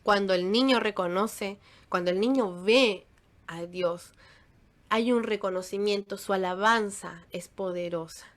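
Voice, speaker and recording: A woman's voice: medium pitch, unhurried. A woman giving an informal Bible teaching in a conversational way, full of fillers and restarts.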